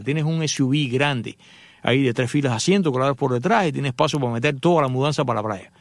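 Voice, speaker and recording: Guy on the radio, quick chatty storyteller, gravelly voice, kinda high, dry sound. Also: no echo. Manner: chatty joking storyteller, addresses listeners directly. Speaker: radio show host and motoring journalist. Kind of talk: casual radio monologue.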